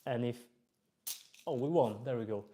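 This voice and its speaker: Relaxed Polish-accented man on a live stream. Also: mid-range voice, moderate pace. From Poland. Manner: relaxed, chatty, reads chat aloud, hesitant fillers. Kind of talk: casual live-stream chat while playing.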